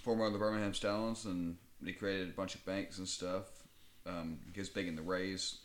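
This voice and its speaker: A man co-hosting a podcast, laying out facts in a relaxed way with frequent ums. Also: low-pitched, moderate pace, a little hiss or hum. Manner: relaxed, reads out details with filler ums. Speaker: podcast co-host. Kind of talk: casual conversational chat.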